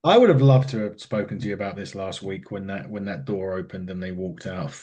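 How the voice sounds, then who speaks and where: A man co-hosting a podcast in casual chat about wrestling, rambling and animated, often laughing and restarting sentences. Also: low voice, a little fast. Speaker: podcast co-host.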